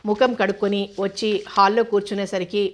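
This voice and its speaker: A woman narrating a novel aloud in a calm, even storytelling manner. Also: mid-range voice, fairly quick. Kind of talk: novel reading.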